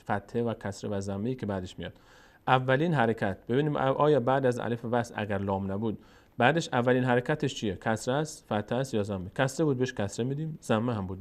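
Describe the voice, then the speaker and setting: Methodical man teaching Quran reading. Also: mid-range voice. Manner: methodical, spells out and slowly drawls syllables to model them. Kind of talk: step-by-step Quran reading lesson.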